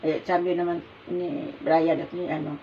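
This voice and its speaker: An older woman with a Filipino accent, telling a personal story in a rambling, halting way, often searching for words. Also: on the low side, flat delivery. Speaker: mother telling her story. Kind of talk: casual storytelling. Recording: muffled, distant, with background noise.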